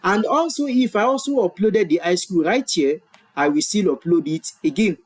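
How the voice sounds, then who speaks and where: A high, expressive male voice at normal speed belongs to a Nigerian man, native in Yoruba, who presents a screen-share tutorial on filling out an online form. He explains patiently, repeats himself and self-corrects, recorded by a webcam in the screen's corner.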